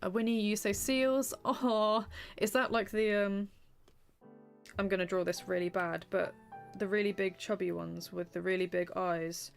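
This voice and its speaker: A woman's voice: mid-range voice, steady tone, a little slow, gravelly, faint music behind. A woman streamer chatting casually while she draws, reading out chat messages, with lots of ums and small laughs.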